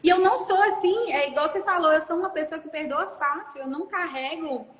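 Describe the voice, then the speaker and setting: A woman's voice: very high-pitched, brisk, a bit bright, roomy sound, in a large hall. A Brazilian woman giving an earnest, heartfelt personal testimony at church, tearful at times. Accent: Brazilian Portuguese. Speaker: guest sharing testimony.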